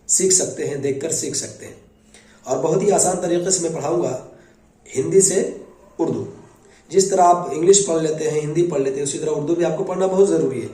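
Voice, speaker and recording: A man's voice: fairly high pitch, dark tone. Patient male Urdu teacher in an echoey room. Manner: patient, repeats each letter name slowly. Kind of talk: spoken alphabet lesson. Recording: echoey room, mic at a distance.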